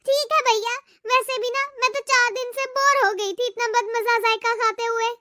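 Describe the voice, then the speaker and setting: A woman's voice: very high-pitched, fairly even intonation, normal speed, bright, forceful tone, dry recording, studio quality. A woman voicing a spoiled young married woman in a cartoon who complains constantly. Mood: pleased. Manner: complaining, whiny.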